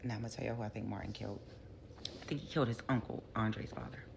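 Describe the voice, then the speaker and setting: A woman giving a casual episode recap as a reviewer, a lively storyteller who acts out the characters' lines. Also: a bass voice, quick pace, gravelly, slight background noise. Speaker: TV show reviewer.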